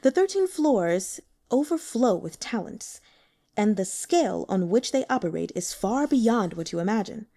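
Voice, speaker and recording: A woman voices a persuasive older man who is an elder of a secret sect, coaxing and smooth. His lines come out mellow, sing-song and unhurried, with the pitch moving animatedly up and down.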